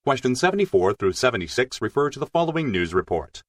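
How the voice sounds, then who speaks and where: Man, scripted exam narration, formal and measured, animated intonation, very dry sound. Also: medium pitch, dry recording. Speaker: test narrator.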